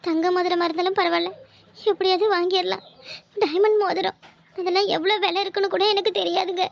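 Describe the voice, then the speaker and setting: A woman's voice: very high-pitched, flat delivery, quick pace, vocal fry, dry recording. A woman voicing a meek young bride-to-be in a cartoon, crying and pleading to be believed. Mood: tearful pleading.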